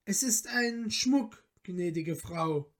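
A female storyteller voices a humble, noble-hearted young man from a storybook, who speaks very slowly and earnestly in polite, formal, old-fashioned phrasing. Her mid-range voice has lively intonation, and the mood is courteous and firm.

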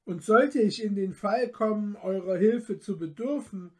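A woman storyteller portrays a modest young man of noble heart from a storybook; he speaks very slowly and earnestly, in polite, formal, old-fashioned terms. Her medium pitch carries a breathy edge, and the mood is courteous yet firm.

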